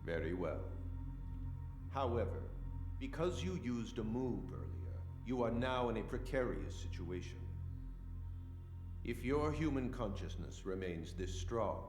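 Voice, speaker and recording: A man voicing a powerful otherworldly psychic creature, formal, grave and measured, in video game cutscene dialogue. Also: medium pitch, very animated, darkish tone. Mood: solemn. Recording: echoing voice over music.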